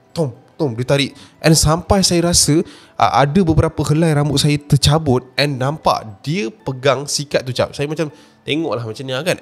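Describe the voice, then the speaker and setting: A man with a Malaysian Malay accent, retelling a horror story in the first person, casual and speaking straight to the listener. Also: fairly high pitch. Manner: casual, addresses the listener directly.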